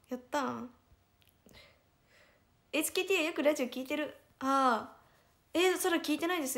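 A high-voiced young woman speaks with a Hiroshima lilt. She hosts a relaxed livestream and chats and giggles as she reads out and answers viewers' comments. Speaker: idol livestreamer. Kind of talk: casual livestream chat reading viewer comments.

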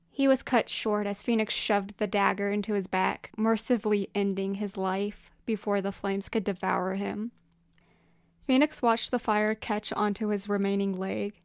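Woman narrating a story, smooth. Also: medium pitch, no echo, studio quality. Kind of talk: fan fiction audiobook reading.

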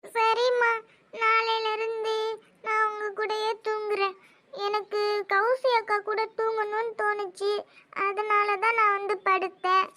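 A woman's voice: extremely high pitch, little pitch movement, unhurried, pushed and bright, no echo, heavily acted. A woman doing a sulky little cartoon girl. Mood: wistful. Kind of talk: animated cartoon voice acting.

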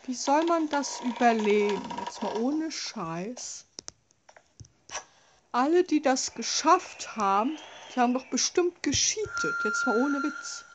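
A woman's voice: high-pitched, expressive, moderate pace, few pauses, background noise. A woman giving casual commentary as a scared, exasperated horror game streamer who curses at the game. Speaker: let's play streamer.

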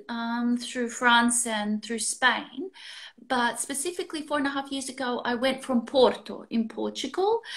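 A woman in her fifties with an Australian accent, chatting as an interview guest over a video call, relaxed and often laughing. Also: a little high. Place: room at home, indoors. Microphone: video call, built-in mic.

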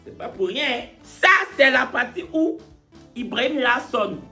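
A man giving animated, teasing commentary, with dramatic shouted interjections. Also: very high-pitched, measured pace, soft background music. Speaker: online commentator.

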